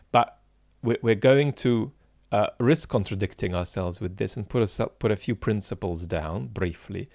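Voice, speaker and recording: Speaking to viewers without a script, this political philosopher in his forties gropes along with fillers and restarts yet stresses his main points earnestly. The low, creaky voice has a darkish tone, and the recording carries no room sound.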